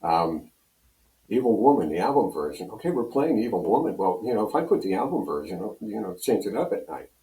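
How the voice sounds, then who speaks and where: Fairly low in pitch yet sing-song and fairly quick, this older Pennsylvanian's warm voice carries loose, chatty anecdotes during a radio interview. He acts out pieces of dialogue, and the space sounds roomy and echoey.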